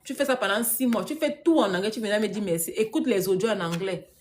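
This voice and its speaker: A woman's voice: medium pitch, fast talker. A woman business coach talking casually on a live stream, answering viewers' comments. She drives her points home by repeating them, often laughs, and drops English words into her speech. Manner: emphatic and repetitive, laughs often.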